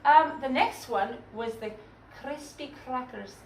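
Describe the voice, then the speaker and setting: High-voiced woman co-hosting a kids' show. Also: slow. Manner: easygoing, joking, sets up the songs. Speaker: musician and co-host. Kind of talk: casual chat on a kids' music show. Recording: roomy, distant mic, loud music.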